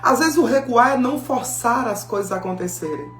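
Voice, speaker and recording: Woman preacher, animated storytelling, echoey room, faint music. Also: a little high, brisk. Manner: animated storytelling, acting out biblical dialogue. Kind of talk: sermon.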